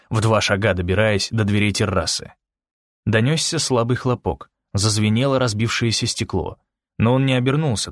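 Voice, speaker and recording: Man, audiobook narrator, low voice, steady expressive reading, dry close recording. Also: no echo. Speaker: audiobook reader.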